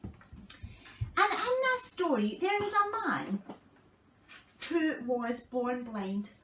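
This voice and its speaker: Lively woman telling children a Bible story. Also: sits high, extremely slow, reverberant, recorded from a distance, slight background noise, rough recording. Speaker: children's pastor.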